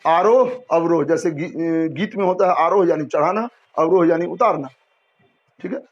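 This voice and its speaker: A man's voice: a little high, normal speed. A man teaching a Hindi language lesson to students, explaining patiently and often asking and answering his own questions. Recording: dull lo-fi sound.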